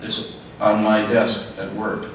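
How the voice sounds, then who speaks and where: A middle-aged man giving a father-of-the-bride wedding speech in a halting way, repeating phrases and speaking in short sentences. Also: fairly low pitch, completely flat delivery, a bit bright. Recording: echoey, noisy room, distant mic.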